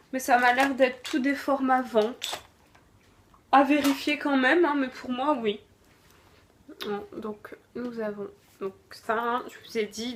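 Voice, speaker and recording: A woman talks through a food box at a very slow, unhurried pace, often pausing on fillers and correcting herself. Her voice sits a little high. The recording has a faint steady noise behind her. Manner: hesitant, lots of fillers and self-corrections. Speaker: unboxing vlogger. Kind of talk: casual product review.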